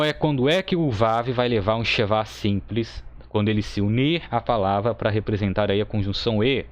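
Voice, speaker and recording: A man's voice: mid-range voice, no echo. A man teaching Hebrew grammar in a recorded online lesson, explaining patiently and checking in with "tá?" after each point. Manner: explains patiently, says "tá?" often, thinks aloud with fillers.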